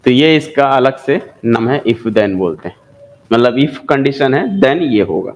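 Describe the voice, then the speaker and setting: A man's voice: medium pitch, lively intonation, measured pace, darkish tone, lo-fi sound. A man with an Indian accent teaching a maths lesson, who repeats key terms and asks and answers his own questions. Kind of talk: classroom lecture.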